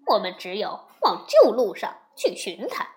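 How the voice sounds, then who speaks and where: A woman voicing a brash, hot-tempered male monkey king in a storybook tale, shouting loudly. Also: medium pitch, huge pitch swings, a little slow. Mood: explaining.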